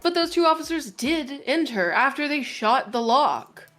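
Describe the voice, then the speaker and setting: A woman's voice: sits high, lively intonation, unhurried, a bit bright, faint music behind. A woman reading a smug, sarcastic prosecutor aloud, firing off cutting retorts. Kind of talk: reading a courtroom visual novel aloud.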